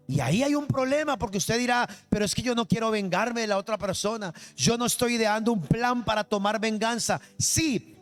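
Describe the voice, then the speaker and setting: Male pastor, high voice, emphatic sermon delivery, faint music underneath. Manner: emphatic preaching, quizzing the congregation. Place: church service.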